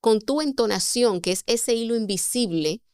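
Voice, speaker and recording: A woman, a communication mentor, explaining sales techniques as a podcast guest with expressive delivery and rhetorical questions. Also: fairly high pitch, moderate pace, smooth, no echo, clean studio sound.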